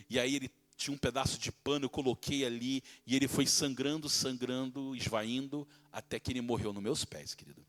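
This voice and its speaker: A male pastor telling a dramatic testimony in a sermon, swinging from loud exclaiming to hushed, slow speech. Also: medium pitch.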